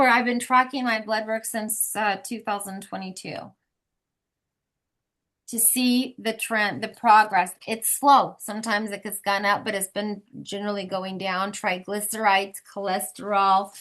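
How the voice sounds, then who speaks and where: A woman's voice: mid-range voice, steady tone, unhurried, fairly bright tone. A woman leading a weekly support group, chatty and encouraging as she gives the members instructions over a video call. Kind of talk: casual group talk, instructing.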